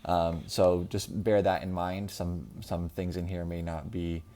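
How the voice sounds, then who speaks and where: A man's voice: deep voice, level tone, measured pace, warm tone. A man in his thirties giving a casual, unscripted book review, with many ums and restarts. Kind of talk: casual solo video review.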